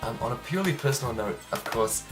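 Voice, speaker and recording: A young man, a trumpet player casually answering interview questions in a relaxed, chatty way with frequent ums. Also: mid-range voice, fast, music in the background. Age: young adult.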